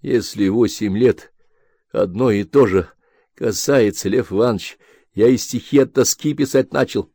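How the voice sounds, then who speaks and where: A sullen, reluctant teenage boy, read by a male narrator in a low, dry voice. The audiobook recording is close and dry. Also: normal speed, gravelly, dark tone, no room sound.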